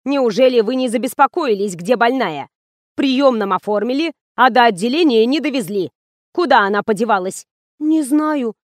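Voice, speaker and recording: A woman's voice: a little high, moderate pace, dry recording, clean studio sound, close to an everyday voice. A woman voicing a bossy scolding hospital doctor. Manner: scolding, blustering, loud. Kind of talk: audiobook character voice.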